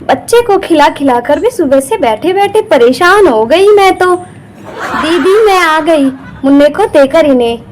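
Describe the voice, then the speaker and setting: A woman's voice: very high voice, animated, unhurried, a little hiss or hum. A woman voicing a tired, chatty young aunt in a doll story, complaining as she talks. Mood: cheerful. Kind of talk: doll story role-play.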